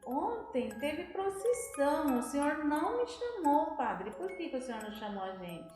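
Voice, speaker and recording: A woman's voice: sits high, very animated, moderate pace, darkish tone, voice pushed up. A Brazilian woman voicing an earnest young churchgoing woman who complains to the priest. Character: young church-going woman, indignant then frightened. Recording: very echoey room, faint music.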